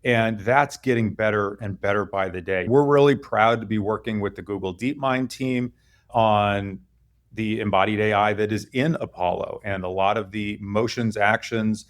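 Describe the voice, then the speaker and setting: A man's voice: lowish voice, fairly even intonation, normal speed. Man explaining robotics as a guest. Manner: fluent, explanatory, uses "right?" checks. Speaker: guest, head of product. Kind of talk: interview explanation.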